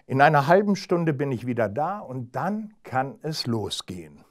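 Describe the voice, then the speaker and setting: A man doing a calm, crafty storybook hedgehog. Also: mid-range voice, normal speed, natural voice. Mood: scheming. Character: clever, stubborn male hedgehog.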